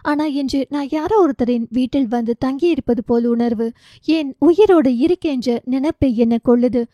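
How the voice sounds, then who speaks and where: A woman's voice: high voice, normal speed, warm tone, no echo, studio quality, natural voice. Hurt, reproachful wife, as a woman reads her. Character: hurt, bitter middle-aged wife and mother.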